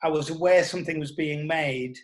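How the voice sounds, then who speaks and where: Reminiscing in an interview, a British former TV producer and journalist in his sixties talks a little fast in a voice on the high side.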